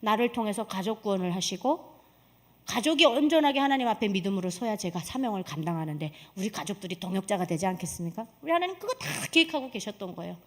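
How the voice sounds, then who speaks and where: A woman's voice: medium pitch, animated, quick pace. A woman from Korea, giving an emphatic church testimony with rhetorical questions to the congregation. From North Korea.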